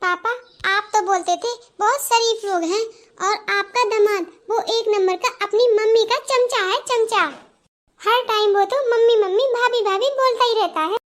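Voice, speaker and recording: A woman voicing a headstrong young bride in a cartoon, talking back sharply in a very high voice. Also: moderate pace. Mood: defiant. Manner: defiant, talks back sharply. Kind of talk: Hindi cartoon voice acting.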